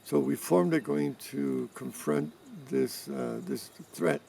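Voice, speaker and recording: An older man in his seventies, originally from Cuba, answers interview questions in a deeply gravelly, dark voice. He explains things in a measured way, pausing and restarting often. The mic sits some distance away, with faint noise behind. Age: 70s. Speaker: interviewee, environmental activist. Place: rural farm in mountains.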